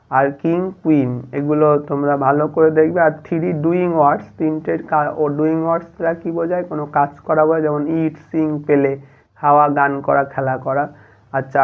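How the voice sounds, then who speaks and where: A man teaching an exam-prep English lesson in Bengali. He repeats each English term, translates it, and quizzes his students. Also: on the high side. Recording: tinny phone-like sound.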